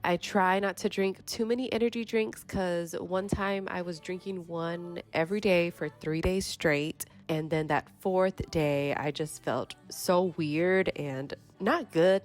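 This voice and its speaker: A woman in her thirties with a stuffy, congested voice, chatting casually in a vlog voiceover. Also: fairly low pitch. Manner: chatty, rambling storytelling. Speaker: vlogger.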